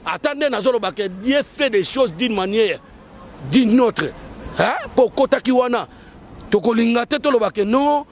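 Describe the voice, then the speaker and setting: Emphatic Congolese man, high voice. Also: lively intonation, moderate pace, a little hiss or hum. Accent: Congolese French. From Democratic Republic of the Congo. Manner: emphatic, mixing languages, repeating points. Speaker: guest. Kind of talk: heated political chat.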